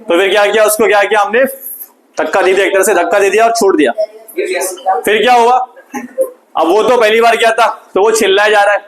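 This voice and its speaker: A man, teaching a physics lesson through an animated story and repeated questions to the class. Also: high-pitched, brisk, pauses often, crowd noise, poor audio.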